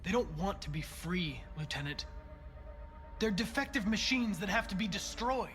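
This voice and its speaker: An actor playing a too-smooth male android detective who talks in a calm, even, controlled way, in a video game. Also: sits high, normal speed. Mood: flat. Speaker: android police investigator. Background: game soundtrack music.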